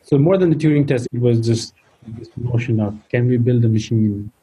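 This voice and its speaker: Man, from Nepal, interview guest, mellow, husky, hesitant. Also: mid-range voice, moderate pace, low-quality recording. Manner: hesitant, many "uh" fillers and restarts, throat clearing. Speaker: guest, tech company founder. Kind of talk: interview answers.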